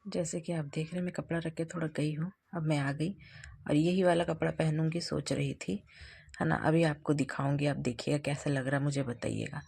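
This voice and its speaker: A young woman chatting casually to her viewers in a home vlog, hurried and talkative. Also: deep voice, steady tone, vocal fry, a little mellow, husky. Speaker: vlogger.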